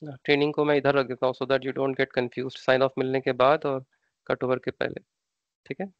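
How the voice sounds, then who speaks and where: A man's voice: medium pitch, flat delivery, normal speed, no echo, dull audio. A man with an Indian accent, an instructor explaining ideas step by step in a live online class, repeating terms and asking rhetorical questions. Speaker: SAP training instructor.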